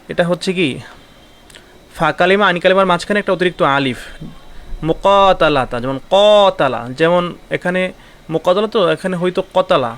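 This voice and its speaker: A man's voice: fairly high pitch, fairly bright tone. A man with a slightly raised voice teaches Arabic grammar in an online class. He explains patiently, repeats each key term and asks rhetorical questions before answering them. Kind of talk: online lesson.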